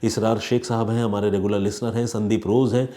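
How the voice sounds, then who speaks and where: A man, talking to his viewers as a regular crime-show host. His voice sits on the low side and sounds mellow and warm. He talks in a calm, measured, conversational manner. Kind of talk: reading viewer comments, casual chat.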